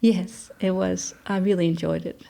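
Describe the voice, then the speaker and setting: Soft-spoken Danish woman in her thirties, flat gravelly delivery, relaxed interviewee. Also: fairly low pitch, normal speed. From Denmark. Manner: soft-spoken, relaxed, with frequent fillers and laughs. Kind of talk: casual storytelling interview.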